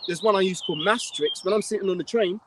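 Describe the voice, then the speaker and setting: A London man preaches on a city street in a fairly high voice. He tells rambling stories bluntly and swears freely. Faint street noise sits behind him. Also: fast. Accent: London English. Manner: blunt, profane, rambling storyteller. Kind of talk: outdoor religious talk, anecdote.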